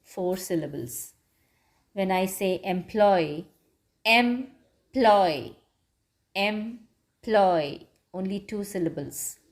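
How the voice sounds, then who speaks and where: A woman teacher giving a patient grammar lesson to children, repeating words slowly and clearly. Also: fairly low pitch, dark tone. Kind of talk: slow classroom grammar lesson.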